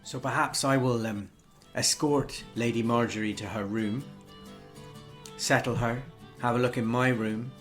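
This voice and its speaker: A man playing a tabletop role-playing game, talking through his plans in polite, formal, measured phrasing. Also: medium pitch, fairly even intonation, soft background music. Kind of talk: in-character tabletop role-play discussion.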